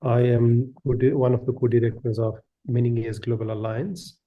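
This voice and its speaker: A man's voice: mid-range voice, fairly even intonation, normal speed, dull audio. A man from Nepal introducing himself on a panel, earnest and restarting phrases mid-sentence. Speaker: panelist, co-director of a network.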